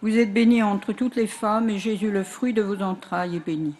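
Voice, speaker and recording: A woman leading a recited rosary outdoors, evenly paced, her lines trailing softly at the end. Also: mid-range voice, normal speed. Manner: even recitation, trailing softly at line ends. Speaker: prayer leader at an outdoor rosary.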